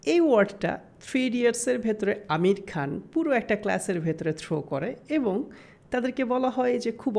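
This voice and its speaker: A woman giving a recorded English grammar lesson, explaining step by step and slowing down to sound out example words. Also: mid-range voice, gravelly, a little mellow.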